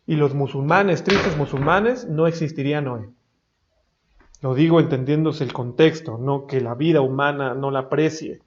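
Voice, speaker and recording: A man preaching a sermon, emphatic and rising into loud exhortation. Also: fairly high pitch, normal speed. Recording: dull lo-fi recording.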